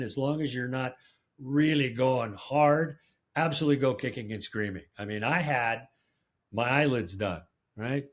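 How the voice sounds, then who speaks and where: A man co-host chats casually, breezy and emphatic, and often checks in with "right?" His voice sits at an ordinary middle pitch for a man. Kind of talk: casual panel chat.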